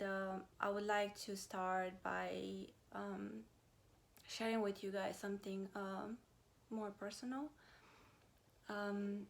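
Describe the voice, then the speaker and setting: A woman in her thirties, originally from Romania, talking to her viewers in a casual personal vlog, pausing often with fillers. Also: mid-range voice, creaky. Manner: hesitant, many pauses and fillers. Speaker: vlogger. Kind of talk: casual personal talk to camera.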